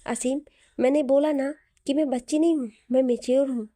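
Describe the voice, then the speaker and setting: A woman's voice: sits high, fairly even intonation, fairly quick, warm tone, lightly acted. A woman voicing a young pregnant wife who pleads and teases in a childlike way in an audio story. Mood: playful.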